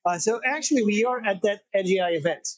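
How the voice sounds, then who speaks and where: A male host in his forties with a high, husky voice, guiding a conversation and dropping frequent short acknowledgements. The sound is dry and close, from a lapel mic. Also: quick pace, no room sound, poor audio. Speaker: show host. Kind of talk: conversational interview hosting. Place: small wood-paneled room, indoors.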